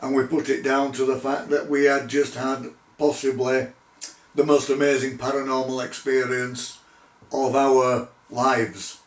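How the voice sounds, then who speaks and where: A middle-aged man telling his own paranormal investigation story in a measured, deliberate way, with pauses. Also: mid-range voice, flat delivery. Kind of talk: unscripted spoken storytelling. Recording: roomy echo, distant microphone.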